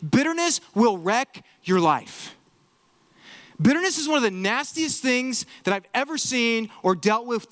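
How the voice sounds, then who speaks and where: A young man preaching a sermon as pastor, talking casually and acting out quotes in different voices. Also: very high voice. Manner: animated, conversational, acts out quotes.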